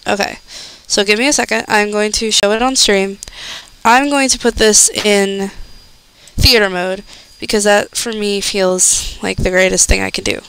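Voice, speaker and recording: A woman's voice: medium pitch, fairly bright tone, clean tone, rough recording. A young woman streamer chatting casually and rambling as she thinks aloud while reacting to a video.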